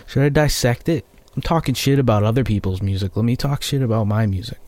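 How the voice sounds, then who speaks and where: A man's voice: mid-range voice, quick pace, a little mellow. A young American man, a musician, rambling through a profane, sarcastic casual monologue. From United States.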